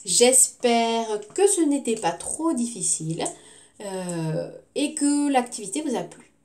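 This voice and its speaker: A woman's voice: a little high, expressive, darkish tone, a little hiss or hum. A woman teacher giving a recorded phonics lesson to young children, sounding out words syllable by syllable. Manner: slow, clearly articulated syllables.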